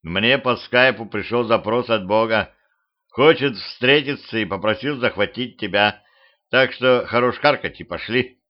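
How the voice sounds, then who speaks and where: A man's voice: mid-range voice, measured pace, natural voice. A man voicing a smug, smirking male devil who talks in a mocking, offhand way. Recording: dull lo-fi home recording.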